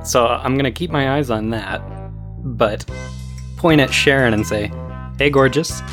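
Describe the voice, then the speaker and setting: A man's voice: medium pitch, a little slow, music in the background. A man playing a character in a tabletop role-playing podcast, joking around in a playful way. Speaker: player. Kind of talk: tabletop game chat and in-character talk.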